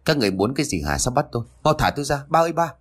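Defiant spoiled young woman, put on by a man; indignant, lively. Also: on the high side, moderate pace, breathy edge, voice pushed up. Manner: indignant, pleading.

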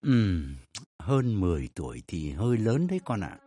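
A man voicing a calm father who gives measured, unhurried advice to his son in an audio drama. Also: deep voice.

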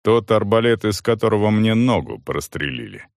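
A man's voice: lowish voice, sing-song, normal speed, creaky, no room sound, studio quality. A man voicing a blunt, commanding wounded soldier who speaks curtly. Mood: stern. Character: gruff wounded male soldier, stern master.

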